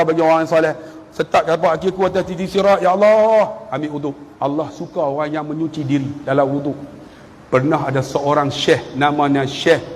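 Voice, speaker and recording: A man in his fifties from Malaysia giving a lively religious lecture, telling stories, acting out quotes and moving between hushed and loud delivery. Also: a little high. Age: 50s. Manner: animated storytelling, swings from hushed to loud, acts out quotes. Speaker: preacher. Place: large hall or mosque. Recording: long hall reverb.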